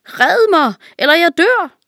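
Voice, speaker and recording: A woman reading a children's story aloud, voicing a cruel, greedy, fat male king who barks orders in a raised, shrill voice. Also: big pitch swings, no echo, studio quality, lightly acted. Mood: panicked. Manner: commanding, shrill when angry.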